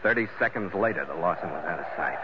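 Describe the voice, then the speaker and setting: A tough, decisive sea skipper in a vintage radio adventure. He is terse and hard-boiled, with a lively pitch range, under loud noise on a dull old recording. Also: fast talker. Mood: grim, measured. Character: tough, weary, decisive male ship's skipper. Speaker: lead actor and narrator. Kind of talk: 1940s radio acting with first-person narration.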